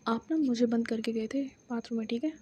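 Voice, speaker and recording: A woman's voice: a little high, a little fast, dark tone, slightly rough. A woman voicing a cheeky, playful young woman who lectures in a mock-stern way.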